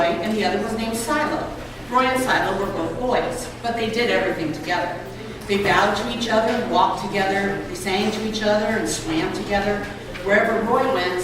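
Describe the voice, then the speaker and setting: A woman with a fairly high voice reads a children's book and an essay aloud at a public read-aloud event in a college building lobby. The distant microphone picks up an echoey hall and noisy ambience.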